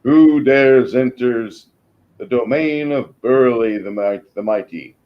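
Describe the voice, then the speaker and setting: A man's voice: medium pitch, takes it slowly, muffled recording, lightly acted. A man voicing a pompous magical mouth that guards a wizard's gate with formal announcements in a tabletop game. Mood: pompous challenge.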